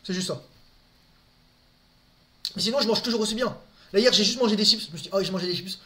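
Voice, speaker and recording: High-voiced man in loose, crude chat. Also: fast talker, sharp tone. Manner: crude slang, repeats words, talks to his audience directly. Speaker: streamer answering viewers' questions. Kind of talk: casual live chat.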